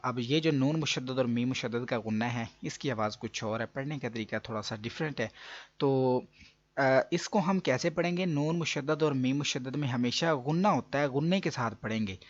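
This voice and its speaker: A man's voice: mid-range voice, dull audio. A man teaching an online recitation lesson, explaining patiently and repeating each rule step by step. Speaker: Quran reading teacher.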